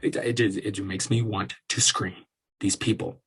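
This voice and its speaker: A man's voice: lowish voice, steady tone, unhurried, breathy edge. A man hosting his own show, ranting casually in an exasperated way, full of swearing and restarts. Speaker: podcast host. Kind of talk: casual solo rant.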